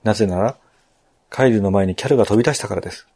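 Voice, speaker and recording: A man's voice: lowish voice, very fast, warm tone, husky. Polite man narrating a game walkthrough. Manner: polite, explanatory, with asides.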